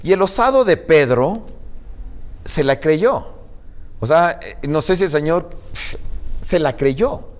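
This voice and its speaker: Animated male pastor preaching. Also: on the high side, slow pace, pauses often. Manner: animated, jokey storytelling; chatty asides to the crew. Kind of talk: sermon reading scripture and retelling it.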